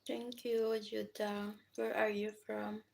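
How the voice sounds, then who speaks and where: A woman with a Filipino accent chatting casually on a livestream mukbang, chewing while talking in short, halting phrases between bites. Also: mid-range voice, little pitch movement, creaky, slight background noise. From Philippines. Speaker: livestream host.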